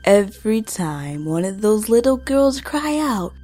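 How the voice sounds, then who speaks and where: A woman's voice: mid-range voice, sing-song, a little slow, warm tone, soft background music. A woman playing a menacing servant woman of Satan in a radio drama, speaking in a cold, gloating way.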